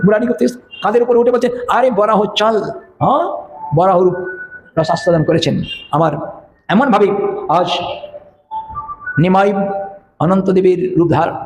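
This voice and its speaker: A male preacher telling devotional stories in an animated way, acting out voices with frequent affirming fillers, recorded in an echoey room with faint noise. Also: high-pitched. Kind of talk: devotional storytelling sermon.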